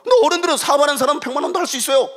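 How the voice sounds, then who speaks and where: Racing along in a very high-pitched voice, a middle-aged man preaches as a guest pastor at a revival, alternating between loud shouts and quiet asides while performing the voices he quotes.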